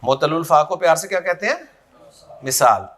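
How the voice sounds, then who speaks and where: A man's voice: fairly high pitch, animated, moderate pace, fairly bright tone. A man teaching a grammar class, who repeats key terms and quizzes his students by name.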